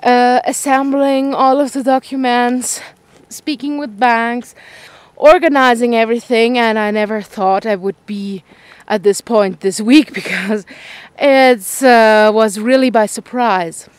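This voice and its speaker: A woman filming herself on an outdoor evening walk, with a light voice that sits fairly high. She speaks slowly and thoughtfully, stopping and restarting as she finds her words. She has a mild cold, sounds tired, and is a little winded from walking with the handheld camera. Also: fairly even intonation, no echo. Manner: gentle, reflective, many pauses and restarts. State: slightly out of breath from walking. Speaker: vlogger. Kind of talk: casual vlog while walking.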